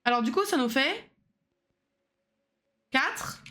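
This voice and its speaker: Higher-voiced woman streamer thinking aloud. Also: expressive, takes it slowly, sharp tone. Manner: thinking aloud, bickering with a co-player. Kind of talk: casual puzzle game chat.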